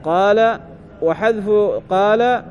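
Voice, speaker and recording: High-voiced man teaching classical grammar. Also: a little hiss or hum. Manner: measured and explanatory, often checking understanding. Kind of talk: classical grammar lesson, reading a text and explaining it.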